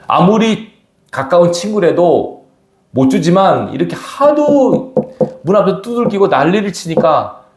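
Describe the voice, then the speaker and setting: A man's voice: mid-range voice, a little mellow. A middle-aged man preaching a sermon as pastor, questioning the congregation as he goes. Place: church sanctuary. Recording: echoey church hall.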